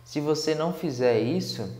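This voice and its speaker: A man teaching English to Portuguese speakers. He reads the text aloud slowly and explains it in Portuguese. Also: fairly high pitch, animated, a little mellow. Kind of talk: guided reading lesson, slow read-aloud. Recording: echoey room.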